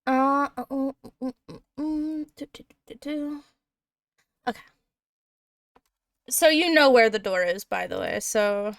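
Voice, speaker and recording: A woman's voice: high-pitched, a little slow, creaky, long pauses, dry recording, studio quality. A woman running a tabletop game on a livestream, chatty, humming and laughing as she looks things up. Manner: chatty, laughs often, hums while looking things up. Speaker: game master.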